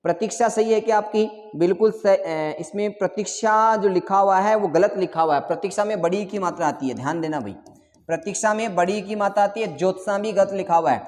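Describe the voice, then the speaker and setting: A man's voice: high-pitched, fairly quick, darkish tone, big-room sound. A male teacher giving an online exam-prep lesson, repeating answers and quizzing his students again and again.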